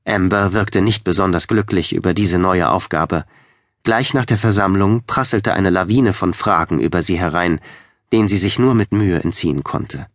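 A man reads a story aloud in a calm, measured way. His voice sits low. The recording is dry and close. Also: no room sound. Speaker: audiobook narrator. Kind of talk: scripted narration.

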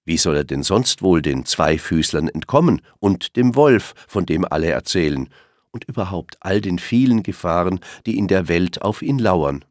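A man reading a children's story aloud in an expressive, lilting way. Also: deep voice, moderate pace, no echo, clean studio sound.

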